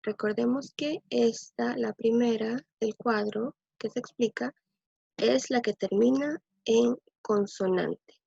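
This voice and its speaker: Slow, husky woman teaching a lesson. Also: on the high side, dark tone, no room sound. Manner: patient, repeats words slowly to drill pronunciation. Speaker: language teacher. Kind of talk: slow explanatory lesson, thinking aloud. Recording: dull lo-fi dry recording.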